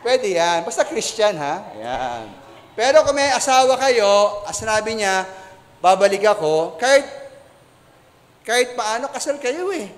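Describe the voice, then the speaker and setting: A man's voice: very high voice, very animated, measured pace. A male pastor giving a conversational sermon, playful and teasing, often speaking straight to his listeners. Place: church sanctuary. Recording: church hall reverb.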